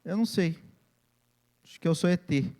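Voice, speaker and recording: A man's voice: a little high, moderate pace, a little mellow. A man, preaching a sermon as pastor and acting out family scenes in different voices.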